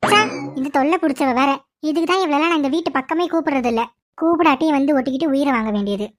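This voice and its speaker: A performer voicing a scheming, quick-tempered middle-aged mother who scolds and insults in a cartoon. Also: high voice, faint music behind, pitched below the performer's own voice, lightly acted. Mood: grumbling. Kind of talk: cartoon voice acting.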